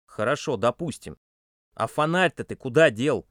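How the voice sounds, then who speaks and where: A man's voice: medium pitch, animated, moderate pace, no room sound, studio quality, close to an everyday voice. A man voicing a bossy boy who gives curt, demanding orders. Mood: brusque. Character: bossy commanding boy leader.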